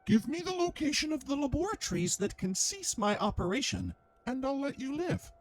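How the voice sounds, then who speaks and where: A woman's voice: high voice, huge pitch swings, a little fast. A woman voicing a cold, condescending android that wears a male soldier's body and speaks in an artificial voice. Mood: calm menace.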